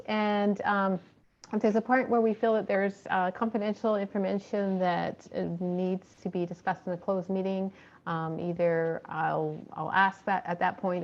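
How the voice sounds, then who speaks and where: A woman's voice: medium pitch, lo-fi sound. A woman presenting a fundraising report to a committee, talking steadily with many ums and uhs. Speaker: fundraising coordinator.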